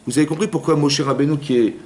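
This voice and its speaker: A man, a rabbi, giving a Torah lesson in a lively way, acting out little inner dialogues and often checking that his listeners have understood. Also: fairly high pitch, fast talker. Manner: lively, acts out inner voices, keeps asking "vous avez compris?". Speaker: rabbi teaching a class.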